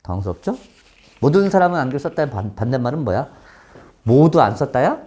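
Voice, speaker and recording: Animated, dark-toned man teaching math. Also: mid-range voice, fast. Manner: keeps checking in with students, switching between polite and blunt speech; sudden loud exclamations. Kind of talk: classroom math lecture.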